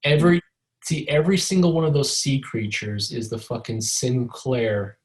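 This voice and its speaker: A man in a loose podcast chat, joking and rambling with plenty of swearing. He comes through a video call running on a mobile hotspot, his voice at an everyday pitch. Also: lively intonation, moderate pace, poor audio. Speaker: podcast co-host. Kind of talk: casual chat. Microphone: video call over a mobile hotspot.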